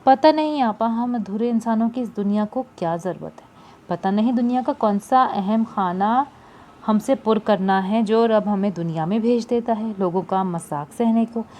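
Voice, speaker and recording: A woman's voice: medium pitch, expressive, a little fast, mellow, a little hiss or hum, natural voice. A woman voicing a loyal, blunt-talking companion who consoles her friend in an audiobook. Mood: consoling.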